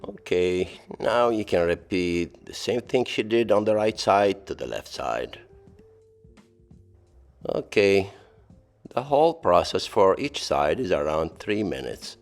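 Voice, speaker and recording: Middle-aged man, Lebanese accent, deep and gravelly, for a playful, dryly funny tutorial voice-over. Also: lively intonation, moderate pace, hardly any pauses, faint music behind. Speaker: voice-over narrator of a hair tutorial. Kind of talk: playful scripted voice-over, speaking as the hair.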